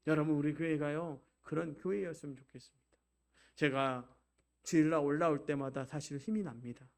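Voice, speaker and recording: High-voiced Korean pastor preaching. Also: male voice, steady tone, fairly quick, vocal fry. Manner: swings from loud preaching to quiet storytelling; exhorting, repeatedly addresses the congregation. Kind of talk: Sunday sermon.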